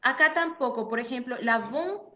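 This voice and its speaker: A woman's voice: sits high, normal speed, bright, forceful tone. A woman teaching a French class over a video call in Spanish, patiently repeating and spelling out verb forms. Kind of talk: online language class. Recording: echoey room, dull lo-fi sound, faint noise.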